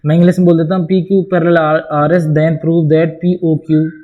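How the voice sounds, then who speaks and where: A man's voice: a little high, little pitch movement, normal speed, phone-quality sound. Man teaching maths in a question-and-answer drill. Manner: explains step by step, asking the class questions and answering them himself; often addresses students as "bhai". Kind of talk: board-exam maths lesson.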